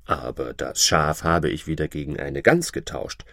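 A man voicing a simple, content old farmer who speaks plainly and calmly. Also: moderate pace, gravelly, no echo, exaggerated voice. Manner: plain, calm, low.

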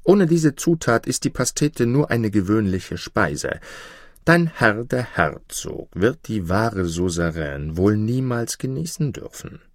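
A man doing a shrewd storybook prince, cool and a little smug, who speaks slowly and deliberately. The voice sits low and dry, close to the mic. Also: animated, no room sound. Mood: superior. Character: shrewd, composed visiting prince, sly.

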